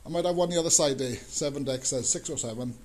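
This man talks fast in a mid-range voice while walking around his farmyard and cow shed, a farmer vlogger showing his work in a casual, rambling, plain-spoken way. The recording, from an action camera on his body, carries a little hiss or hum.

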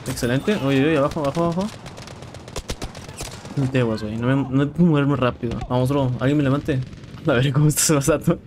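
Young man, Mexican accent, excitable gameplay commentary, repeats himself, clear game noise behind. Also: medium pitch, brisk. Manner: excitable, swears a lot, repeats words. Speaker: gameplay streamer. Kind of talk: casual live game commentary. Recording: game sounds and noise in background.

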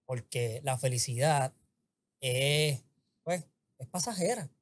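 A man's voice: medium pitch, slow, slight background noise. A man, a podcast guest, telling an emotional story and acting out his own inner voice.

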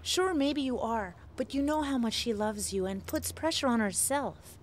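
An actress dubbing a frank colleague giving earnest advice. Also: female voice, on the high side, expressive, normal speed, a little hiss or hum, lightly acted. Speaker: dub actor. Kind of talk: drama dub.

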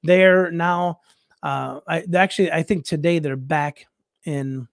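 A man who is a missionary preacher, telling a rambling, animated story on a talk show, laughing often and restarting his sentences. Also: fairly high pitch, takes it slowly, dry recording, studio quality. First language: English.

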